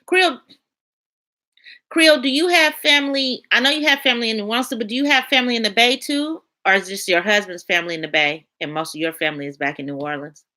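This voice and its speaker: Woman streamer, relaxed and colloquial, reads chat aloud, bright tone. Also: a little high, fast. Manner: chatty, colloquial, talks to viewers by name. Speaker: livestream host reading chat. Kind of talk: casual live-stream chat.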